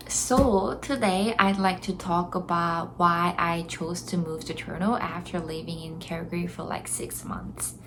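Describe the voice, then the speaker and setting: A young South Korean woman vlogs casually to camera in English, her second language, with a Korean accent, chatting earnestly and laughing between thoughts. Her voice is lowish and creaky. The rough recording carries a little hiss or hum.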